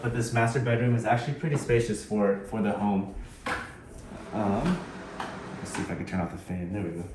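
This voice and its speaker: A man giving a casual, low-key walk-through house tour as a real estate agent, tentative and mildly approving. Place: inside a mostly empty house, walking through. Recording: echoey empty rooms, distant mic, background noise.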